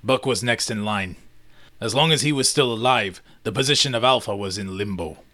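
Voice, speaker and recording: A man voicing a scheming male werewolf pack leader who talks quietly, with a soft, drawling manner. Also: fairly low pitch, normal speed, voice pushed up. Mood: explaining.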